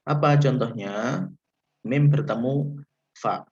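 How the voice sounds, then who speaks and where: A man from Indonesia teaching Quran recitation rules in a livestreamed lesson, patient and repetitive, saying "ya" after nearly every phrase and drawing out the recited Arabic examples slowly. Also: mid-range voice, darkish tone, muffled recording. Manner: slow, patient, repeats points with frequent "ya".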